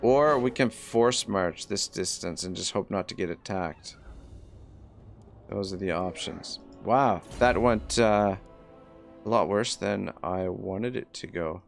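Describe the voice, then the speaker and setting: Low-voiced, unhurried man streaming a game. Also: vocal fry, faint music behind. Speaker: livestream game host. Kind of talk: casual strategy game commentary.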